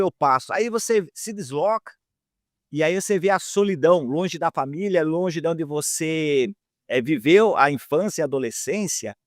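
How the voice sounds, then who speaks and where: A man's voice: a little high, no room sound, studio quality. A man interviewing a guest in casual conversation, often hesitating and restarting.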